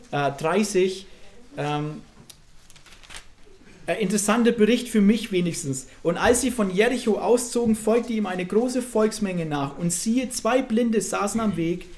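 A man preaching a sermon, swinging between loud fervent calls and quiet intimate asides, acting out voices as he preaches. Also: sits high. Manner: acts out quoted voices in his preaching.

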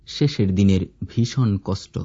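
Low, husky male scripture reader. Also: dark tone. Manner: measured, formal recitation. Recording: dull lo-fi recording.

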